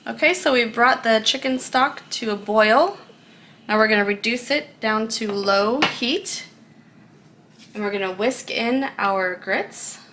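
A woman's voice: fairly high pitch, a little slow, bright, forceful tone, slight background noise. Chatty woman walking through a recipe. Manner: chatty, giggly, explains each step. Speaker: cooking vlogger. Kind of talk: casual cooking demonstration. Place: home kitchen.

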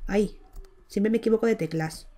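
A woman's voice: medium pitch, moderate pace, dark tone. A woman from giving chatty, affectionate gameplay commentary as a Let's Play host, cooing over a baby character with many exclamations.

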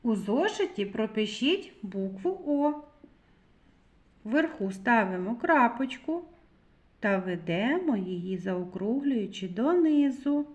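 Woman as kindergarten teacher, slow and sing-song, a bit high. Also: sing-song, muffled recording. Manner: sing-song, bright with children's rhymes, deliberate and patient. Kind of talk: slow, clearly articulated preschool literacy lesson.

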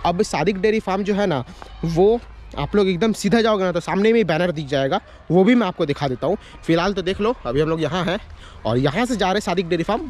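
Holding his camera at arm's length, a bright, high-voiced young man vlogs a casual walk through village lanes and a cattle shed, giving directions and showing off the farm. He addresses viewers in a repetitive, instructive way. Ambient noise fills this outdoor handheld recording.

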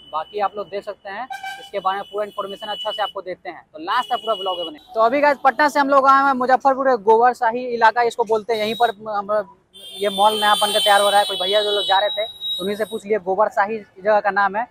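In this on-location vlog from an outdoor building site, a Bihari man speaks in a high, slightly bright voice, recorded with no echo. Eager and hyped, he repeats his key points again and again, often saying "yes indeed."

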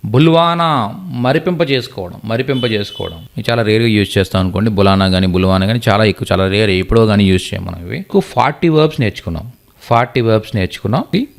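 A man's voice: lowish voice, expressive, fast, creaky. A man teaching a live online class, patiently repeating each word and its translation. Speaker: Hindi teacher.

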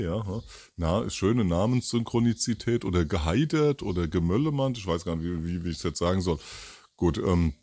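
A man in his fifties rambles through a casual solo commentary outdoors by a garden, correcting himself and filling gaps with fillers as he hosts his show. He speaks into a furry-windscreen mic near the camera in a fairly low, slightly mellow voice with a breathy edge, and there's no room sound.

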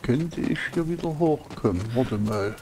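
A man's voice: mid-range voice, expressive, a little slow, mellow, a little hiss or hum. A man doing casual live commentary as a game streamer, thinking aloud and muttering to himself.

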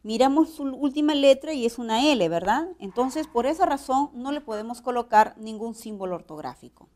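A woman with a Peruvian Spanish accent, teaching a grammar lesson in a slow, explanatory way and checking in with rhetorical questions. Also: on the high side, lively intonation, darkish tone.

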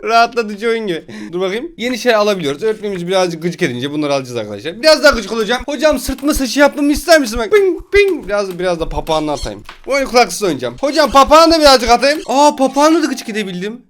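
A young man narrates a game he is playing, teasing and joking as he goes. His voice sits high and swings widely, and he laughs often and suddenly breaks into shouts. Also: very animated, racing, few pauses, a little hiss or hum. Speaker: gaming YouTuber. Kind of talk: gaming commentary.

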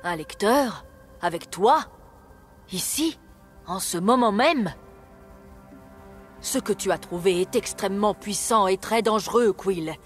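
A woman's voice: mid-range voice, lively intonation, takes it slowly, pauses often, pitched above the performer's own voice. A woman doing a stern old mouse uncle. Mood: alarmed. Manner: stern, scolding, curt. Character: stern elderly male mouse uncle, protective. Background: game music.

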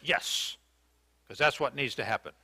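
An older man from the United States preaches earnestly in a church sanctuary, asking questions and hesitating with fillers and restarts. His mid-range voice is unhurried and sharp, and there is slight background noise.

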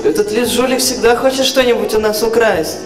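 A young performer playing an excitable cartoon monkey sidekick in a stage parody of a children's show, calling out in exclamations. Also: mid-range voice, brisk, close to an everyday voice. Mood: alarmed. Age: young adult. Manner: exclamatory, alarmed calls. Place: large theatre stage, filmed from audience. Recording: echoey hall from far off, loud music, crowd.

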